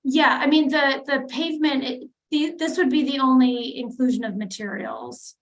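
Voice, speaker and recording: A woman with a fairly high voice walks a community meeting through a street plan. She talks haltingly, with frequent ums and self-corrections. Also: low-quality recording. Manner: hesitant, many fillers and restarts. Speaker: city transportation planner presenting. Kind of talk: public meeting presentation.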